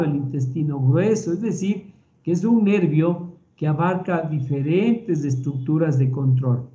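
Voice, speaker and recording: A man with an Ecuadorian Spanish accent giving a recorded medical lecture in a measured, explanatory way, often repeating words as he thinks. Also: on the high side, dark tone, highs cut off.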